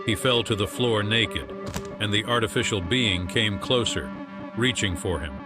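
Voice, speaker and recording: A man narrating a science fiction audiobook in a measured storytelling delivery, over music. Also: lowish voice. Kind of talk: scripted narration.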